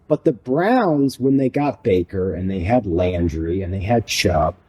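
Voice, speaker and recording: Low, husky man chatting casually. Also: lively intonation, unhurried, mellow. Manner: rambling, storytelling, full of fillers. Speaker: podcast co-host. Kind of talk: casual sports podcast chat.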